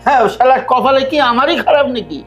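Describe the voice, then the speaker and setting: A man's voice: very high voice, sing-song, quick pace, fairly bright tone, faint music behind, full character voice. A man playing an exasperated, grumbling father-in-law in a comedy short film. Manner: exasperated, complaining.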